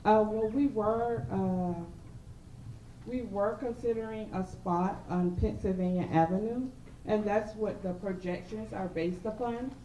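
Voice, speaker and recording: Woman, business pitch, deliberate and emphatic, slow pace, roomy hall echo. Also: dark tone, recorded from a distance, slight background noise. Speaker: entrepreneur pitching to judges. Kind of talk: business pitch, then answering questions. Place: event hall. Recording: echoey hall, dull lo-fi sound.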